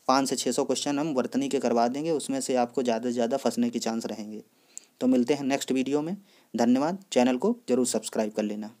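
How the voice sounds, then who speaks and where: A man teaching an exam-prep spelling lesson in a steady, instructive way, repeating set drill phrases. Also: medium pitch.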